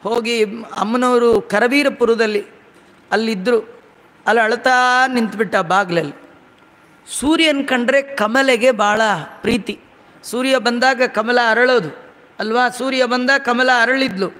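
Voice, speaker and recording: Brief: high-pitched male religious storyteller, lively and chanting, recorded in a reverberant hall. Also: a little slow. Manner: animated storytelling, chants Sanskrit verses. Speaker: religious discourse speaker. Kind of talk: devotional storytelling discourse.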